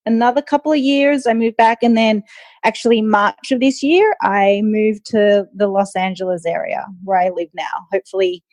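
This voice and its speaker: Australian woman, relaxed interview guest. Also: mid-range voice, normal speed, no echo. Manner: relaxed, frequent ums and likes. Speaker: guest, nutritionist. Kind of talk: casual interview.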